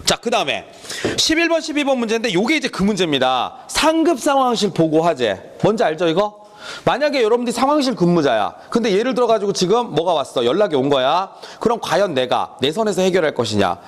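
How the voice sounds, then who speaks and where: Brisk, high-voiced male exam-prep teacher, playful and chatty. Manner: animated, teasing, acts out student back-and-forth, keeps checking with listeners. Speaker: fire law lecturer. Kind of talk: online exam-prep lecture.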